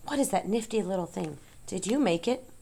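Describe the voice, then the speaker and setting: A woman voicing an innocent, eager young male pig in an audiobook, pitched higher and full of questions. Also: expressive, fairly quick, vocal fry, warm tone, breathy edge. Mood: curious. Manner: higher, wide-eyed, asks many questions. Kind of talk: audiobook character voice.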